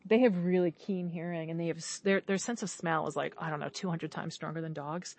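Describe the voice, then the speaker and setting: Lady chatting outside in the woods, kinda low voice, rambly and excited, lots of "like". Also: brisk, vocal fry. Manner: enthusiastic, rambling, heavy use of "like". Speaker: guest on a podcast. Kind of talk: casual conversation. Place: outdoors in woodland.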